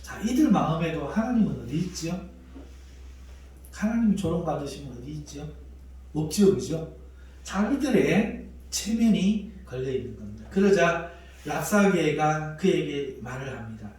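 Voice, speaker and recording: A male pastor preaching a sermon at a prayer meeting, explaining scripture in animated, everyday talk. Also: a little high, moderate pace. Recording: echoey hall, distant mic.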